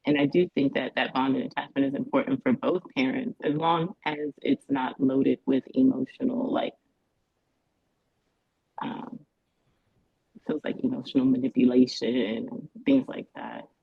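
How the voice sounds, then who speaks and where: A woman testifying as a parent in a custody hearing over a video call, talking haltingly and restarting her sentences as she searches for words. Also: extremely low pitch, steady tone, gravelly, slightly rough, no room sound. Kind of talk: court testimony. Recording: dull, dry video-call audio.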